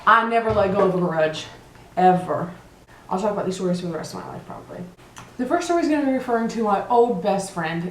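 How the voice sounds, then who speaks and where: A woman's voice: mid-range voice, reverberant, low-quality recording. Chatty young woman telling dramatic storytime. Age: young adult. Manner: chatty, dramatic, holds grudges, sarcastic asides. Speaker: vlogger. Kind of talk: casual storytime while eating. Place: car, then indoors at a table.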